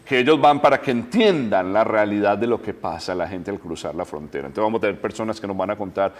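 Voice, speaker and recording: A man's voice: lowish voice, fast talker. A man, a church delegate on a TV interview, explaining at length with many "eh" fillers and repeated words. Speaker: diocesan delegate, guest. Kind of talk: conversational TV interview.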